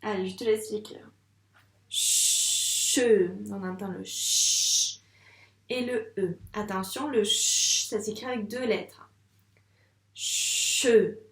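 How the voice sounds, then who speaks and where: A woman teacher with a French accent, slowly and patiently sounding out syllables in a dictation lesson for a young child. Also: mid-range voice, a bit bright. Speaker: first-grade teacher. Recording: echoey room sound.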